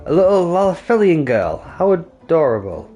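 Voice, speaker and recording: A man's voice: on the high side, very animated, normal speed, dark tone, faint music behind, voice pushed up. A man doing a sweet, gushing young woman. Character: cheerful, doting young woman companion.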